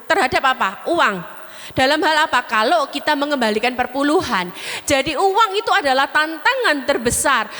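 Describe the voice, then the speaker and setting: Lively high-voiced woman preaching. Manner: animated storytelling, addresses congregation directly. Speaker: pastor. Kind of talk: sermon. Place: large church hall. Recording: long hall reverb.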